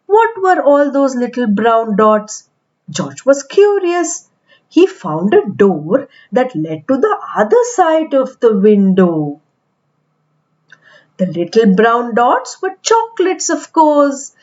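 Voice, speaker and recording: A woman with a slightly high voice tells a picture-book story aloud to young kids, expressive and deliberate in her delivery. The sound quality is lo-fi.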